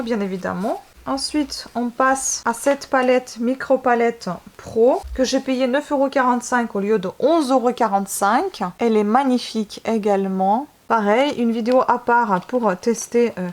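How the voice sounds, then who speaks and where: A woman's voice: on the high side, a little mellow, a little hiss or hum. A woman beauty vlogger in a casual unboxing video. She talks enthusiastically and gushes often, with many hesitations. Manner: gushing, enthusiastic, lots of hesitations.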